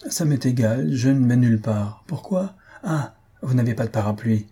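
A man's voice: medium pitch, expressive, moderate pace, warm tone, slightly rough. A man voicing a smug, self-satisfied older painter in a storybook reading, breezy and condescending.

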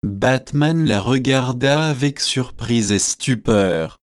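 Slow, measured male narrator. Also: mid-range voice. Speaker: audiobook narrator. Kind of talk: scripted literary narration.

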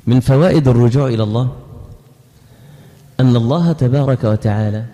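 A man with an Egyptian accent preaching a sermon, moving between lively colloquial talk and chanted recitation. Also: medium pitch, fast talker. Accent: Egyptian Arabic. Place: mosque. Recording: long reverb in a large mosque hall.

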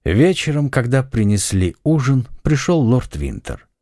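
A man narrating an adventure audiobook in a scripted, expressive, dramatic way. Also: mid-range voice, unhurried, no room sound, studio quality.

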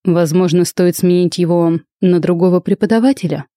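A woman's voice: on the low side, moderate pace, dark tone, no echo, studio quality, close to an everyday voice. A woman voicing a curt, hot-tempered young male dragon student. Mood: thoughtful. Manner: curt and challenging.

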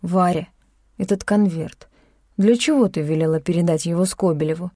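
A man's voice: sits high, moderate pace, warm tone, no room sound, studio quality. A woman narrator voicing an anxious male doctor in an audiobook, pleading and insistent with a young woman.

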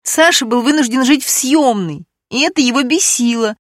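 A woman narrating a detective story with a steady, expressive reading on a close microphone. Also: high-pitched, normal speed, no room sound. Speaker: audiobook narrator. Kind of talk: scripted narration.

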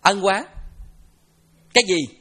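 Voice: mid-range voice, slow pace, bright, forceful tone, husky. A Buddhist teacher with a Southern Vietnamese accent giving a dharma talk to a congregation, telling a parable, then quizzing the listeners, with many repeated filler phrases. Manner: repetitive, fond of filler phrases.

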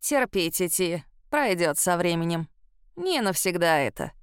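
A creaky old woman, put on by a female reader, grumbles and scolds in slow, blunt words. She sounds stubborn and sharp-tongued, an elderly storybook healer. The reading is dry and close, with no room sound. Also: on the low side, big pitch swings, no room sound, voice pushed down. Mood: gruff.

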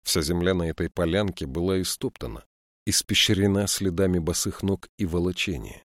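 Deep-voiced male audiobook narrator. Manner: measured, storytelling. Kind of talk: scripted narration.

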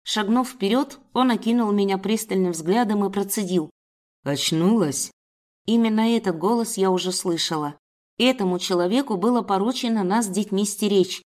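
Woman narrator, first-person storybook reading, steady and even pacing. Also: mid-range voice, a little fast.

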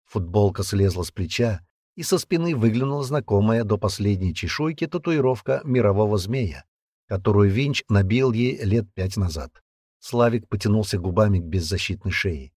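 A man narrating an audiobook with expressive, scripted storytelling. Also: fairly low pitch, moderate pace, breathy edge, dry recording, studio quality.

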